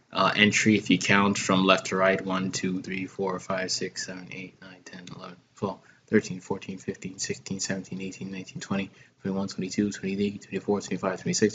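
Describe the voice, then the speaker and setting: A man's voice: fairly low pitch, lo-fi sound, a little hiss or hum. Hesitant man talking through a tutorial. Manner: hesitant, many ums and restarts. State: has hiccups. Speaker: app owner giving a tutorial. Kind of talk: screen-recorded tutorial.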